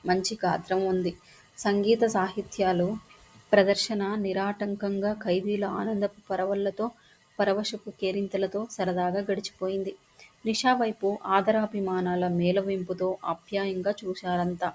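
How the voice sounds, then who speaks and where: A woman narrating a short story in a steady, measured reading voice. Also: medium pitch.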